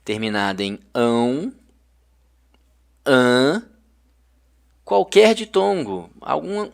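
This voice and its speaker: A man giving a grammar video lecture, friendly and constantly checking in with quick tag questions. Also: mid-range voice, gravelly, a bit bright. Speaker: grammar teacher.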